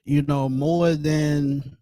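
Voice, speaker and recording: A man co-hosting a casual sports talk stream over a video call, out of breath and halting, stumbling over his words. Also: a little high, level tone, over a noisy crowd. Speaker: podcast co-host.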